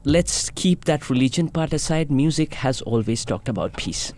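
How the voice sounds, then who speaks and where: A man from India, a sitar player, talking in a radio interview in a measured, hesitant way with many fillers. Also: mid-range voice, animated, a little mellow. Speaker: sitar player, guest musician. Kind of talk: casual interview talk.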